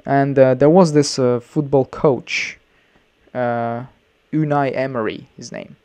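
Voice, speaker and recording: A man's voice: mid-range voice, slow pace, darkish tone. A male English teacher talking through a reaction video in a loose, rambling way, full of restarts and fillers. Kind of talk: reaction commentary.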